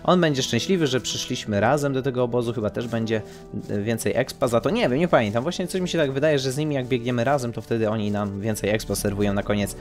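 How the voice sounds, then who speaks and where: A man's voice: mid-range voice, fast. A man, giving chatty, slangy, casual let's play commentary on a headset. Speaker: gaming streamer. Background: game music.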